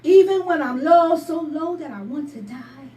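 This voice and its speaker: A woman from Barbados performing a spoken word poem at a live poetry night, in a rhythmic, emphatic delivery that rises into shouts. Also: sits high, expressive, moderate pace. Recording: echoey room from a distance.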